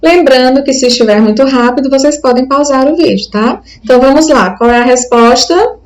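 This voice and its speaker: A woman's voice: sits high, brisk, loud music behind the voice, rough recording. A Brazilian woman teacher with a Brazilian Portuguese accent, giving a recorded video lesson in a patient, explanatory way and often checking that the students follow.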